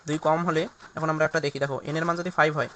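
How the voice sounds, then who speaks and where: A man's voice: a little high, little pitch movement, very fast, sharp tone, a little hiss or hum. A man teaching a recorded chemistry lesson, walking through each step and asking and answering his own questions.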